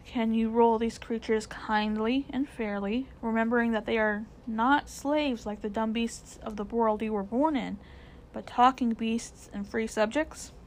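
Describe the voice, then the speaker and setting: A woman voicing a wise, regal male lion who speaks in solemn, formal, measured pronouncements for a storybook. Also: a little high, fairly even intonation, slight background noise, lightly acted, poor audio. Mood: solemn, grave.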